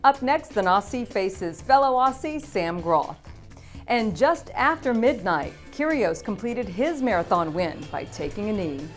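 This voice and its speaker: A woman's voice: medium pitch, big pitch swings, unhurried, faint music behind. A woman presenting a scripted sports news roundup, upbeat and polished, with light quips between items.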